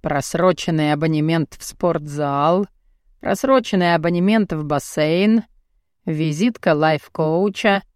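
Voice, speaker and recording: A woman's voice: low-pitched, measured pace, a little mellow, no room sound, clean studio sound, pitched below the performer's own voice. A woman voicing a crude, cocky young muscleman who taunts and speaks bluntly in an audiobook. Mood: mocking. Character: crude cocky muscular young man, mocking and pushy. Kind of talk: audiobook character voice.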